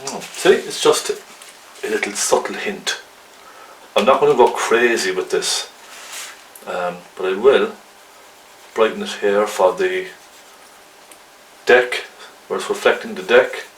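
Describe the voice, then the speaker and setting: Gentle painting teacher guy, kinda chatty, talking from a bit away from the mic in an echoey room. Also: lowish voice, a little slow, long pauses. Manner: gentle, chatty, coaxing, with check-in tag questions. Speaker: painting instructor. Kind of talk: casual hands-on painting tutorial. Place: indoor room, painting at a canvas. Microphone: camcorder at a distance. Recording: roomy, distant camcorder mic, faint noise.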